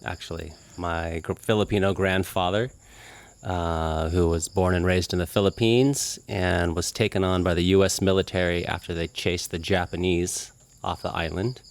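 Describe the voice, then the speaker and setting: A man's voice: low-pitched, steady tone, moderate pace. An American man, a podcast guest, telling stories in an easygoing, laughing way. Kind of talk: casual interview chat.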